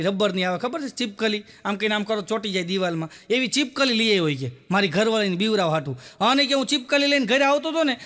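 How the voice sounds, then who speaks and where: A male comedian tells jokes as stories. His voice sits very high and sounds bright and forceful. He keeps switching into the people he quotes and sprinkles little repeated filler words. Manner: storytelling with quoted dialogue, repeats "ke, ke". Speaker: stand-up comedian. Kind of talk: Gujarati joke telling.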